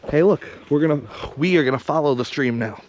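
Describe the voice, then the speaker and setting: A man's voice: fairly high pitch, fairly quick, a little mellow, lo-fi sound, slight background noise. A man chatting upbeat to a handheld camera as he narrates a hike on an outdoor trail. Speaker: vlogger and hiking guide. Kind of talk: casual trail vlog narration.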